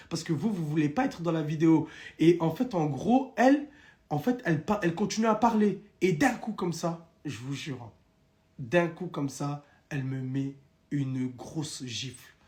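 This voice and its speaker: A man's voice: a little high, darkish tone. A young man in casual live-stream chat, animatedly telling viewers his own story and addressing them directly.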